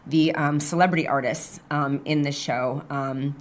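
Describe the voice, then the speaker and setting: Low-voiced woman chatting as guest. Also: steady tone, measured pace, slight background noise. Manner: chatty, many fillers and restarts, laughs easily. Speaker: guest, choreographer and producer. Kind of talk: casual interview chat.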